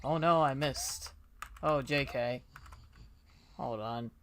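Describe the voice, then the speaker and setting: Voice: medium pitch, slow, a bit bright, a little hiss or hum. A streamer thinking aloud while playing a game, muttering and hesitant. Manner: mutters, hesitant, self-talk.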